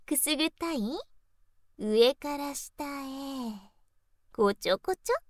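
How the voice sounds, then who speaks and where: Woman doing a playful big sis voice, high and bouncy, teasing, dry close sound, audio role-play. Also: extremely slow, no room sound. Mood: playfully mischievous. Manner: teasing, coaxing, sing-song. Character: teasing playful older sister, young woman.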